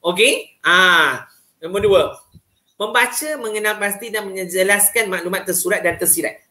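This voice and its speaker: A man with a Malaysian Malay accent gives a casual training talk to teachers. His voice is bright and lively, and he keeps checking in with his listeners. The recording is roomy, with a noticeable echo. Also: high voice, normal speed.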